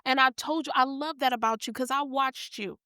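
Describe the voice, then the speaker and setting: A woman's voice: sits high, steady tone, normal speed, sharp tone, smooth, no echo, clean studio sound. A woman hosting a podcast, talking in a heartfelt, affectionate, folksy way. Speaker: podcast host. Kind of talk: heartfelt casual chat.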